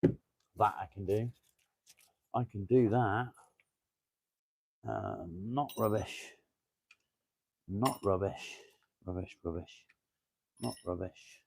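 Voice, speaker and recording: A man's voice: lowish voice, slow pace, long pauses, a little mellow, slight background noise. A man mumbling a running commentary to himself as he sorts junk in a cluttered shed, swearing casually. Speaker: vlogger. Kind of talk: muttering to himself while sorting junk.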